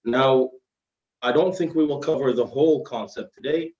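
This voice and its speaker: A male religious teacher explains in a formal way, slipping into Arabic phrases. His diction is slightly thick and slurred, and his mid-pitched voice comes through a roomy, somewhat muffled live stream. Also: brisk, mellow. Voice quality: slightly slurred, heavy-tongued diction from dental trouble. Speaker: Islamic scholar, guest lecturer. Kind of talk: religious lesson in dialogue form.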